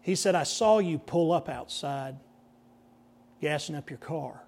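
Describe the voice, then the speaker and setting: A man's voice: on the high side, measured pace. A man, a pastor telling a personal story in a sermon and voicing the people in it. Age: 50s. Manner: animated storyteller, voices the people in his story.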